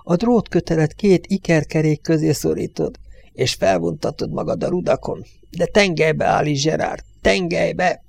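A man's voice: mid-range voice, animated, gravelly, dark tone. A man doing a wounded, delirious trucker in pain. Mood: urgent. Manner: pained, breathless, rambling. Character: wounded, delirious adult male truck driver.

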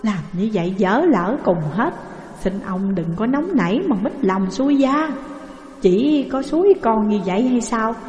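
A woman's voice: a little high, animated, unhurried, darkish tone, dull audio. A patient older mother talks in a coaxing, soothing way, as a woman reader plays her. The room around the voice is echoey with a long reverb. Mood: placating. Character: calm, placating older mother.

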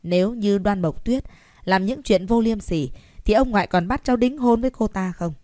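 A detached young grandson speaks in short, cold sentences, as a woman reader voices him. The voice sits mid-pitch. The sound is dry and close. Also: moderate pace, no room sound, lightly acted. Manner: cold, curt, flat.

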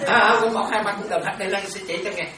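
A woman teaching as a Buddhist nun in an easygoing, talkative way, often laughing and teasing her listeners. Her voice sits at a middle pitch. It comes from some distance across a roomy hall, with a crowd of listeners around her. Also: steady tone, rapid-fire. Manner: chatty, laughing, addresses listeners as children. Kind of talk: informal dharma talk.

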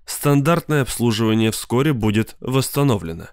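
Man playing a recorded service message, bland monotone, smooth clear tone, audiobook. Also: medium pitch, normal speed, dry recording, clean studio sound, natural voice. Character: flat recorded automated service voice. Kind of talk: audiobook character voice.

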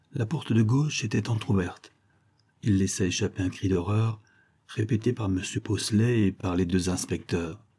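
A man narrates a literary text in measured phrases. His voice is low, dark and mellow, with a husky edge. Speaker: audiobook narrator.

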